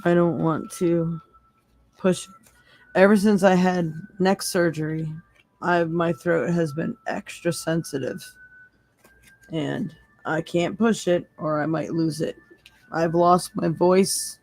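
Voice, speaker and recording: Hoarse after losing her voice, a woman runs a live psychic tarot stream over a low-quality recording. Her voice is fairly low and a little mellow, and she laughs a lot while chatting casually with her viewers.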